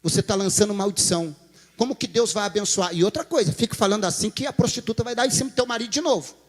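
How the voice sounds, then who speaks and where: High-voiced pastor preaching. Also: male voice, quick pace, big-room sound. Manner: storytelling preacher, acting out dialogue, rising to emphatic calls. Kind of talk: sermon.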